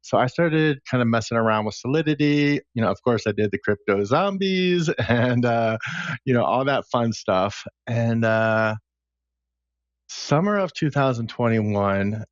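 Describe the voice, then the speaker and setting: A man's voice: mid-range voice, no room sound, lo-fi sound. A man chatting casually as a podcast guest, recounting his career path step by step. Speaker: podcast guest, smart contract engineer. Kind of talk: casual interview chat.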